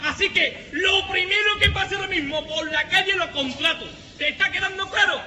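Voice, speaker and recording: An actor playing a bossy male workshop owner in a live comedy sketch, loud and insistent, often shouting. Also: very high voice, normal speed, long reverb tail, highs cut off, a little hiss or hum, heavily acted.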